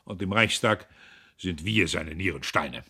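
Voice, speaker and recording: A man's voice: sits low, animated, unhurried, sharp tone, slightly rough, exaggerated voice. A man voicing a coarse, joking government official who talks bluntly. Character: smug, coarse male regional president, jovial.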